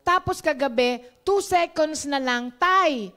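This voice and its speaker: A high-voiced Filipino woman giving a relaxed devotional talk. She speaks slowly and chattily, laughs often and drops English phrases into her preaching.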